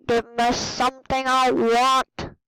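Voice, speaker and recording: An excitable woman giving casual commentary while she plays a game. Her voice sits high and sounds bright. She talks slowly and keeps reacting out loud to the game. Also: clear, resonant tone, no echo, poor audio. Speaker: gaming video host.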